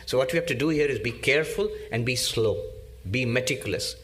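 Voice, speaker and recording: A man giving a spiritual discourse as a monk, teaching slowly and emphatically with pauses and repetition. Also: medium pitch, fairly bright tone.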